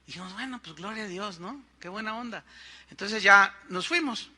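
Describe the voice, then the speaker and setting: A man's voice: sits high, normal speed, bright, forceful tone. A middle-aged man from Mexico with a Mexican Spanish accent, a pastor telling a story in a sermon, acting out the voices of the people he quotes and adding conversational asides.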